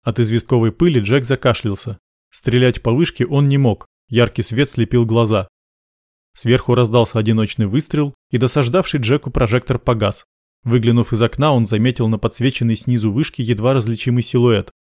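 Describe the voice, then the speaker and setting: A man reading an action novel aloud in a measured, even audiobook narration. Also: medium pitch, dry recording, clean studio sound. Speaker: audiobook reader.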